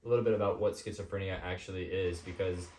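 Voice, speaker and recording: A man hosting a podcast, talking casually and personally in an informal, somewhat halting way. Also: deep voice, fairly even intonation, darkish tone. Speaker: podcast host. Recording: echoey room.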